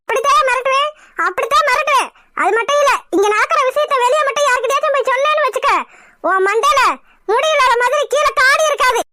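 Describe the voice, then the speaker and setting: A woman's voice: very high voice, fast talker, pushed and bright. A woman voicing a brash, scheming mother of the groom in a cartoon, giving mocking commands. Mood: bossy.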